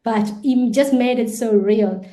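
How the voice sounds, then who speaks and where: Speaking a little slowly in a fairly high, warm voice, this podcast guest is a woman from Colombia with Spanish as her first language. She thinks things through aloud, restarting sentences and repeating words, with light laughter here and there.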